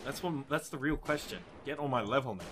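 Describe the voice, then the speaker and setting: An Australian man hosting a casual gaming commentary, excitable and yelping at the game. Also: mid-range voice, a little fast, over a noisy crowd. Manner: excitable, yelps and shouts at the game. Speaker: let's play host. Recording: game gunfire under the voice.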